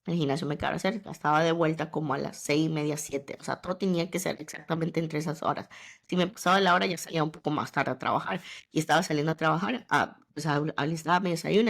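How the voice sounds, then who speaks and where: A woman's voice: deep voice, quick pace, creaky. A woman fitness coach talking casually and emphatically about competing, often repeating words for effect. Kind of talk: casual motivational monologue.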